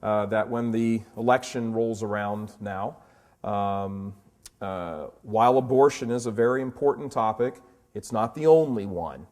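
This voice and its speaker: A man in his fifties quoting an older priest who gives a brisk, dismissive campus talk. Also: on the low side, darkish tone, close to an everyday voice. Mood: lecturing. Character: older male priest giving a smooth campus pitch.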